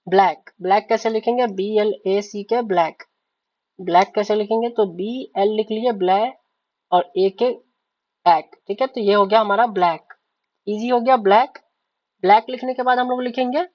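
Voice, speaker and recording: Woman shorthand teacher, mid-pitched voice, spells out patiently, slightly muffled lo-fi recording. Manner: repeats words, spells letters out, keeps asking "ठीक है?". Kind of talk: step-by-step lesson, writing on a board. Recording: slightly dull, lo-fi sound.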